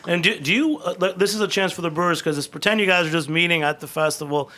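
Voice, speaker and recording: A man hosting a radio talk show, chatting with guests in a quick, excitable way. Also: on the high side. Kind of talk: casual radio chat.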